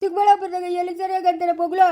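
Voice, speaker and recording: A defiant, demanding grown son, played by a woman in a village family comedy skit, with a Chikkaballapura Kannada accent. The voice is very high and fast, and it argues back in rural speech. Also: little pitch movement, warm tone.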